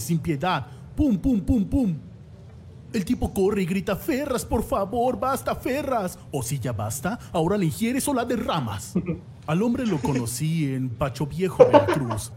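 A man doing a prim, overly formal storyteller who recounts a brawl in stilted dub phrasing. The pitch swings with lively range, and a faint hum sits behind. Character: stiffly formal dubbed version of a street storyteller, man.

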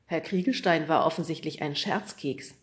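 A woman reading a children's book aloud as audiobook narrator, calm and clear. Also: sits low, moderate pace. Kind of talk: scripted narration.

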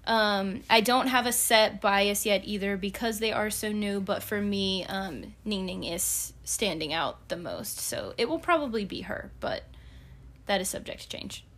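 Young woman, casual podcast chat, mid-pitched, chatty, fillers. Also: lively intonation, measured pace, fairly bright tone. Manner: chatty, listing favorites with fillers. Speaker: podcast co-host.

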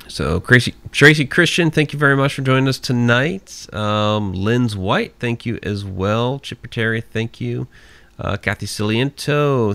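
A man in his forties hosts a live internet radio show, working through thank-yous to listeners in an easygoing, chatty way. His voice sits low, with a gravelly edge over a smooth, resonant tone. The sound is close and dry. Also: a bit bright, no echo. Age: 40s. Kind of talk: casual live-show sign-off chat.

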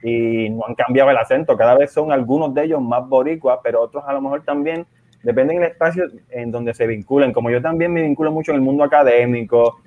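A man from Puerto Rico with a Puerto Rican Spanish accent, partly softened by years in Spain, speaking as a guest in a casual conversation and explaining things at a measured pace. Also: mid-range voice. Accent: Puerto Rican Spanish, partly softened by living in Spain. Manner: explanatory, measured, chuckles often. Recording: tinny phone-like remote line.

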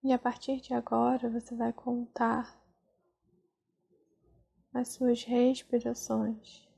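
A woman leads a guided relaxation at an extremely slow pace. Her voice is soft and breathy, slipping into whispers, with a dark, mellow tone and a gravelly fry. She keeps an even, flat pitch throughout. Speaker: meditation guide.

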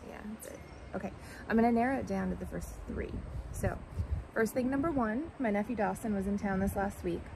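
A woman's voice: mid-range voice, brisk. A woman co-hosting a podcast in casual conversation, recorded outdoors in a backyard. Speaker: podcast co-host. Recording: outdoor recording with clear background noise.

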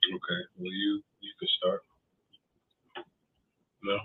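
A man from Delaware co-hosting a podcast, chatting casually in a laid-back, unhurried way. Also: lowish voice, big pitch swings, slightly rough. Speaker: podcast co-host. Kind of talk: casual chat. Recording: tinny phone-like line.

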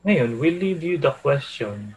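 A man's voice: a little high, expressive, takes it slowly, darkish tone, a little hiss or hum, rough recording. Easygoing man, casual chat. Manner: easygoing, mixes English into Tagalog, laughs often. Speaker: podcast co-host.

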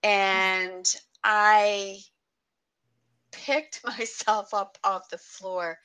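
A woman tells her faith testimony as a guest on a radio show. She speaks slowly and earnestly, in a bright, forceful tone that carries real feeling. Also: medium pitch, steady tone, clean tone, poor audio. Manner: earnest and heartfelt.

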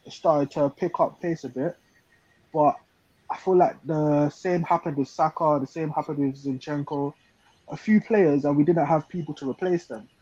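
A man's voice: on the high side, fairly even intonation, normal speed, dark tone, no room sound. A man giving his view as a fan in a casual panel chat, on a dull lo-fi recording. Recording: dull, dry lo-fi sound.

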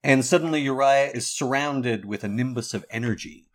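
Mid-pitched man playing a tabletop game. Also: normal speed. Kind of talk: narrating own character's actions in a tabletop game.

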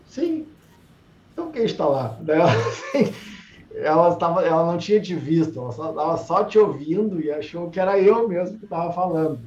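Guy hosting a book club stream, chill and chatty, roomy muffled audio. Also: fairly high pitch. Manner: relaxed, chatty, laughs easily, reads passages slowly. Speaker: host of an online book club. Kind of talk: casual live-stream chat.

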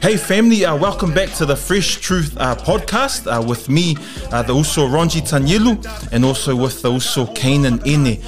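Pacific Islander New Zealand man hosting, higher-pitched. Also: animated, moderate pace, hardly any pauses, soft background music. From South Auckland, New Zealand. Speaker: podcast host.

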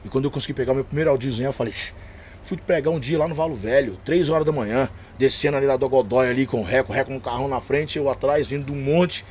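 A man with a São Paulo accent rattles off his stories at a quick clip, full of slang. He acts out each exchange as he tells it, in the easy style of a podcast guest. A faint room ambience sits under his voice. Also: mid-range voice, slight background noise. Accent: São Paulo Portuguese. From São Paulo, Brazil. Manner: animated slangy storyteller, acts out dialogue. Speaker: podcast guest, gospel rapper and preacher. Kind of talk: casual storytelling chat.

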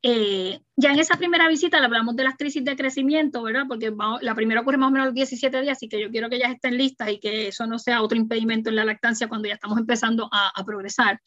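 A woman pediatrician, calmly explaining routine baby checkups in a practical, reassuring manner and acting out parents' questions. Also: a little high, rapid-fire, hardly any pauses, dry recording, dull audio. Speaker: pediatrician guest. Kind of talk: explanatory podcast interview.

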